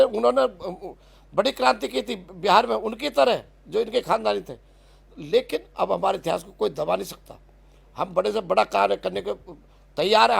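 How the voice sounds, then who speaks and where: A man's voice: sits high, creaky, husky. A man making an impassioned spoken argument, stressing words and restarting phrases. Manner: emphatic, repeats and restarts words, lists places.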